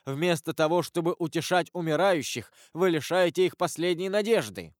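A man's voice: on the high side, animated, moderate pace, dry recording, clean studio sound, pitched above the performer's own voice, lightly acted. Man voicing a frantic dying convict. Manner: pleading, frantic, accusing. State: dying, wounded. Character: dying male convict, desperate and bitter.

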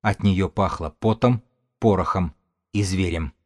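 Low-voiced male audiobook narrator. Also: a little slow, dry recording, clean studio sound. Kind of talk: scripted narration.

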